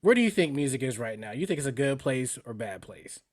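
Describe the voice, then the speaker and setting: A man's voice: medium pitch, sing-song, brisk, darkish tone, dry recording, studio quality. A man co-hosting a casual podcast chat, easygoing and hedging with lots of fillers. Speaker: podcast co-host.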